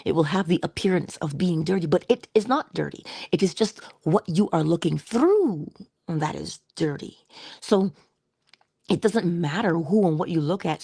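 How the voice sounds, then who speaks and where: Low gravelly woman, reflective speaker. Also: no room sound, studio quality. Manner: slow, emphatic, with rhetorical questions and soft whispered asides. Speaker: inspirational speaker. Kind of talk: reflective spoken meditation.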